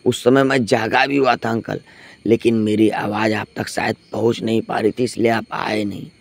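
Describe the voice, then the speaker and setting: A man voicing a frightened young male factory worker in a low, hushed tone. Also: level tone, normal speed, vocal fry. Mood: worried.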